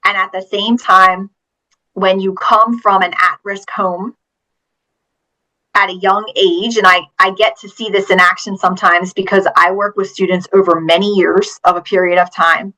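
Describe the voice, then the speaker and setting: A woman from Pennsylvania with a bright, clear-edged voice speaks as a guest teacher and author. She answers earnestly and tells stories from her classroom with emphatic stress. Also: medium pitch, fairly even intonation, normal speed, poor audio. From Pennsylvania, USA. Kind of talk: interview answers.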